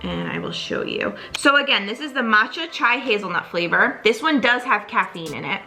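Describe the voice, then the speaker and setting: A woman's voice: mid-range voice, very animated, normal speed, pushed and bright, faint music behind. A young woman chatting casually in a product review vlog, upbeat and full of "like" fillers. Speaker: vlogger.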